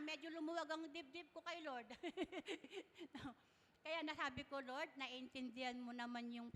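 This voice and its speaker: A woman giving an emotional personal testimony in church, halting and tearful, laughing softly between lines. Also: high voice, long reverb tail.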